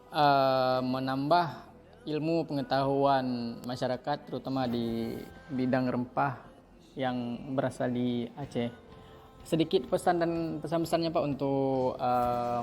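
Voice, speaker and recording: A man's voice: mid-range voice, a little mellow. A man hosting an on-location interview at a museum. He speaks politely and uses frequent fillers. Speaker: interviewer and host. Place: museum exhibition hall.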